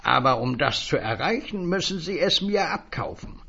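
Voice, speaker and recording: A man voicing an eerie, mocking little male word-seller in a high, sly, husky voice for a read story. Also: expressive, normal speed, sharp tone, dull audio, heavily acted.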